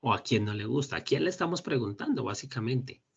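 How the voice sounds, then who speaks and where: A husky-voiced man leads an online English class, switching between Spanish explanations and slow, careful English examples. His voice sits at an ordinary pitch. The sound is dull and lo-fi, like a recorded video meeting. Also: lively intonation. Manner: explains in Spanish, models English phrases slowly. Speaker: English instructor. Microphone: computer mic on a video call.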